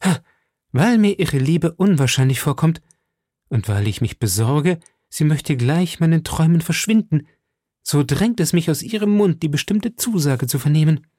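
A man's voice: a little high, animated, fairly quick, a little mellow, dry recording, clean studio sound, voice pushed up. A man voicing an ardent young swordsman, raised and urgent. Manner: heated, pleading, emphatic. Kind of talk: audiobook character reading.

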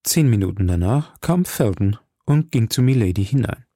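A man narrating an audiobook chapter in a steady, measured reading. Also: lowish voice, husky, dry recording, studio quality.

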